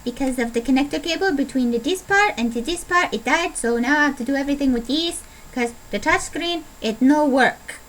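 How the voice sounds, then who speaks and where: A woman's voice: high voice, a little fast, a little hiss or hum, low-quality recording. A young adult woman vlogging in a put-on Italian accent, rambling playfully with a self-deprecating manner. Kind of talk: casual rambling video diary.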